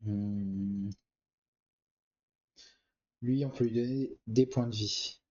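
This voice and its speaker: A man with a lowish, warm voice and fairly even intonation draws out his words, and the highs are cut off. Suffering from a cold, he gives easygoing let's-play commentary on a card game, muttering choices as he thinks aloud.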